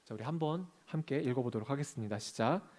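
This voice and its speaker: A man's voice: mid-range voice, animated, quick pace, a little mellow. A man preaching a sermon as a pastor in a church sanctuary, asking the congregation questions and answering them himself, and reading scripture aloud.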